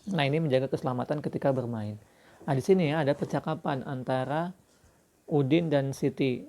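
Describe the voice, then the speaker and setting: A man's voice: mid-range voice, brisk, a little mellow. A man teaching a religious school class to young children, explaining patiently with many fillers and restarts.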